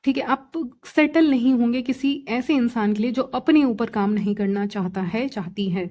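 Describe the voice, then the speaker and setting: A woman's voice: fairly high pitch, moderate pace, mellow, lo-fi sound. A young adult woman talking through a collective tarot reading in a chatty way, repeating her phrases and often checking in with her listeners. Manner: chatty, repeats phrases, frequent "theek hai" fillers. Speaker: tarot reader.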